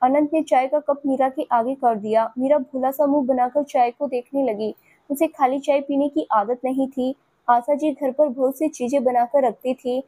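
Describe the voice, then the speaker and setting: A woman storyteller giving scripted audio-story narration in a steady, even manner. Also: high-pitched, normal speed.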